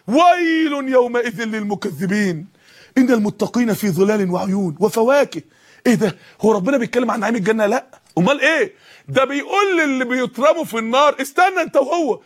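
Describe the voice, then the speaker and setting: A man preaching a sermon with an Egyptian Arabic accent, impassioned and full of rhetorical questions. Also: very high voice.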